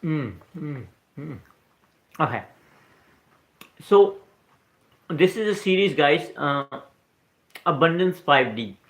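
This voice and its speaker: A man's voice: a little high, expressive, takes it slowly, long pauses, a bit bright. A man with an Indian accent speaks on a casual livestream, in English that is not his first language. He rambles from point to point, often checking in with "right?" and replying to viewers' comments as they come in. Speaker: livestream host. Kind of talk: casual spiritual talk on a livestream. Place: live stream recorded in New Zealand.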